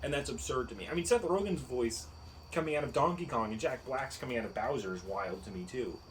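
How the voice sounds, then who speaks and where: A man co-hosting a podcast in casual chat, animated and incredulous, laughing often. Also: mid-range voice, a little fast, a little hiss or hum, rough recording. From United States. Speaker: podcast co-host.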